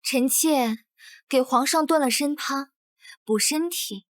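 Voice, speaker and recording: An actress playing a young imperial consort in a costume drama, with coy, deferential courtly speech. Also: female voice, high voice, slow pace, no echo, studio quality. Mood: composed, deferential. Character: young imperial consort, coaxing, sweet and secretly scheming.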